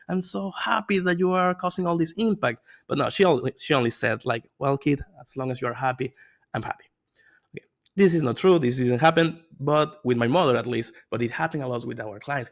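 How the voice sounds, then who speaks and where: With a gravelly, mid-range voice, a man lectures online in an informal way while presenting his course as an AI consultant. He's from Venezuela, a native Spanish speaker, and keeps things energetic and chatty, constantly adding "okay?" and "right?"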